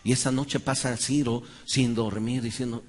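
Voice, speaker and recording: A man preaches in a slightly husky voice of ordinary pitch. He is emphatic, and he dramatizes scripture scenes as he goes. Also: fairly even intonation, normal speed. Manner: emphatic, dramatizes Bible stories with quoted voices. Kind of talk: sermon.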